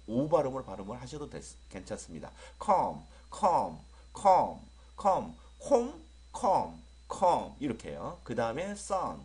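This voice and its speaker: A man teaching English pronunciation in an online lecture. He speaks, repeats words slowly with drawn-out vowels, and jokes lightly with students he calls friends. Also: mid-range voice, darkish tone.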